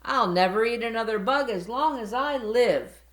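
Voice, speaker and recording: A woman's voice: medium pitch, measured pace, voice pushed up. A woman reading aloud and voicing Stellaluna, an earnest, curious young female bat, in a roomy space. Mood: cheerful. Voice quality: lively, storybook-animated. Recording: roomy echo.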